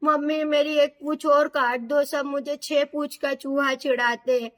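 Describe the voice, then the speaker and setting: A woman's voice: sits high, fairly even intonation, unhurried. A woman voicing a small, stubborn boy mouse who begs and whines in a storybook tale. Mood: insistent. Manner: pleading, tearful.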